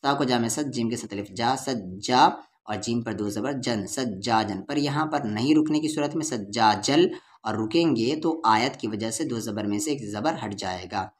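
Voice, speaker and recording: A man's mid-range voice, moving at normal speed, carries an Urdu-Hindustani accent as he teaches Quran recitation letter by letter. He drags out the vowels and spells each syllable patiently.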